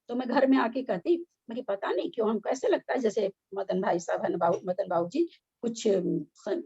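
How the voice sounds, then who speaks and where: A woman's voice: medium pitch, mellow, husky, lo-fi sound. Woman teacher with a strained voice. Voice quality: strained, weakened voice. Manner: scolding, talks with effort. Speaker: religious study group teacher. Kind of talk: online scripture study class. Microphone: video call.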